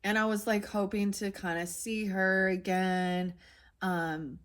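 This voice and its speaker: A woman's voice: medium pitch, little pitch movement, slow pace. A woman in her forties giving a casual tarot reading, rambling with many fillers and restarts. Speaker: tarot reader.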